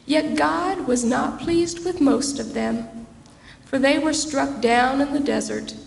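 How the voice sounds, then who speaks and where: Very creaky female lector in echoey church. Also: a little high, a little mellow. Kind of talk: measured scripture reading at church. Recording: echoey church hall, faint background noise.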